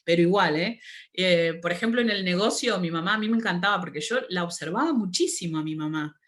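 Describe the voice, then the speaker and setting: A woman, speaking as an interview guest in a casual conversation, telling stories with lively energy and frequent laughter. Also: on the low side, a little fast. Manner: animated storyteller, laughs often, mimics voices.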